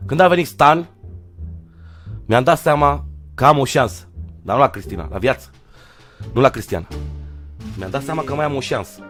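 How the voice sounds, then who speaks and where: A young man from Romania's Giurgiu area telling a comic storytime tale in slang, swinging from loud outbursts to low mutters. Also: animated, pauses often, faint music behind. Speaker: vlogger.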